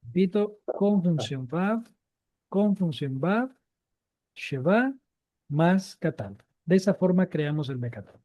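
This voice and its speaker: A man's voice: high voice, lively intonation, slow, muffled recording. A man teaching a live Biblical Hebrew grammar class, explaining patiently and repeating each key point.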